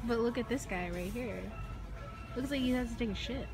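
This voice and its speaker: A woman's voice: fairly high pitch, brisk, over music. A young woman joking and teasing her friend in casual chat.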